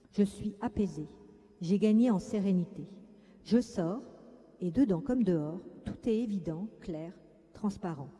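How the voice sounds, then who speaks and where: A woman reading aloud as a sensitive, thoughtful young boy who speaks of calming his anger, in a slow, soothing storytelling voice. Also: medium pitch, natural voice. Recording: echoey lecture hall.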